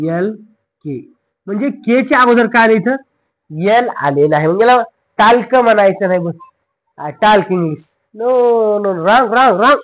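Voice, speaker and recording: A man with a Marathi accent and a high-pitched voice, caught on a low-quality recording, coaches English pronunciation like a classroom teacher. Words get spelled letter by letter and drilled again and again, while wrong answers earn a playful scolding.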